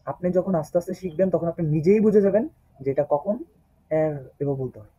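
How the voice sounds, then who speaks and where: Man, German teacher, online class, patient, repeats sounds, dark husky voice, dull lo-fi call audio. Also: fairly high pitch, a little fast, no echo. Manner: patient, repeats each sound several times. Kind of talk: online class, spelling the alphabet aloud. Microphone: laptop mic on a video call.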